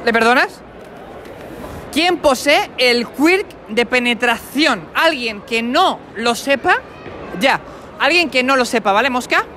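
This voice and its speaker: This brash young host speaks slowly but animatedly, his extremely high voice bright and forceful. He runs a teasing street quiz indoors at a convention hall, mocking people with playful insults into a handheld mic with a furry windscreen, over slight background noise.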